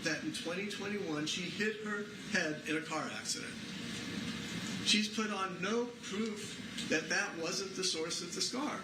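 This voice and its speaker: A man's voice: high voice, measured pace. A man, a defense attorney, giving a methodical closing argument to a jury, repeating points for emphasis, heard in a courtroom recording. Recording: distant echoey courtroom audio, loud noise.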